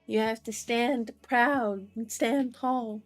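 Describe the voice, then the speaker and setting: A chatty woman streamer talks over music, her voice a little high with fairly even intonation and a slow pace, and there's no room sound. She's a livestream host who reads tarot and horoscopes, mixing casual chat with reading aloud.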